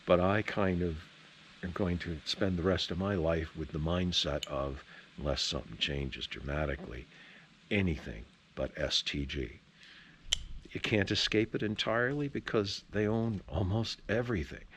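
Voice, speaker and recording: A man's voice: sits low, moderate pace, fairly bright tone, slight background noise. A man chatting casually to camera as a pipe tobacco vlogger, rambling along in an opinionated, folksy way. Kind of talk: casual rambling video chat.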